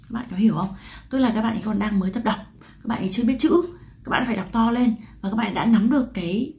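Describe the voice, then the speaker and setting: A woman from Vietnam talks quickly through an English pronunciation lesson. She chats to her viewers, asks them questions and answers them herself, and stretches out the example words. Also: fairly high pitch, a little mellow. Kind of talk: explanatory lesson to camera.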